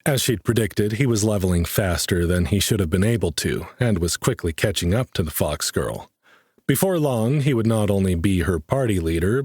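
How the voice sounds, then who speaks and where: A man narrating a fantasy audiobook in a steady, even storytelling manner. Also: sits low, husky, no room sound, clean studio sound. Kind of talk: scripted narration.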